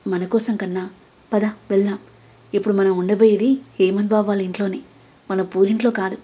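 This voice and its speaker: Woman as a sad, gentle older sister, soft husky voice, storybook tone. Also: mid-range voice, little pitch movement, brisk, muffled recording, close to an everyday voice. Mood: sad resolve. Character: young woman, burdened, caring elder sister.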